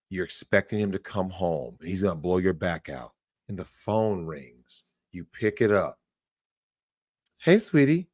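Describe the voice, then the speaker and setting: On a livestream, a male guest with a low-pitched voice gives blunt opinions emphatically, swearing and acting out the people he quotes. The audio is studio quality with no room sound.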